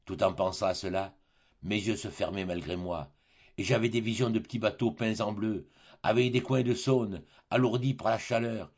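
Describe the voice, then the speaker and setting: A man reading a classic story aloud as an audiobook narrator, in a measured, expressive way with a husky voice. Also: fairly low pitch, dull audio. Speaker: audiobook reader.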